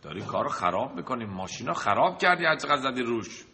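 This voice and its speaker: A man's voice: medium pitch, sing-song, bright, forceful tone. A man giving a sermon who tells a story, asks rhetorical questions and lists examples. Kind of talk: sermon with a told anecdote. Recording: long reverb of a large hall.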